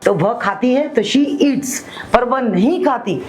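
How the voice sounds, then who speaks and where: A woman with an Indian accent teaching spoken English, explaining each rule step by step, asking her students questions and slowly repeating example sentences. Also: on the high side, lively intonation, faint music behind, rough recording.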